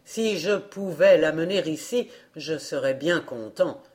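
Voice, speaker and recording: A woman lowering her voice for a tender-hearted sea captain in a storybook tale. He speaks softly and fondly, his pitch pushed down below a plain speaking voice. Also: animated, measured pace. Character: grieving father, a retired sea captain.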